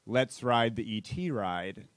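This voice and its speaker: A man's voice: medium pitch, expressive, slow pace, no echo, studio quality. A man voicing his playful, prankster father, who talks in a cool, matter-of-fact way. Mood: smug. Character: teasing prankster dad, middle-aged man.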